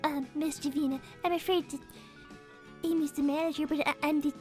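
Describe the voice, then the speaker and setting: Timid, well-mannered child rabbit played by a woman, high little voice, earnest and hesitant, cartoon livestream over faint music. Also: fairly even intonation, fairly quick, darkish tone, natural voice. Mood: hesitant, polite. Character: Cream, polite timid little rabbit girl, owner's daughter. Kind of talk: improvised character livestream.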